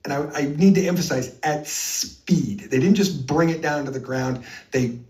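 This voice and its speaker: A man's voice: on the high side, a little fast, darkish tone. Earnest man, heard from a distant mic. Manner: earnest, emphatic, with many fillers. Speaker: interview guest. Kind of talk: recounting experiences in an interview.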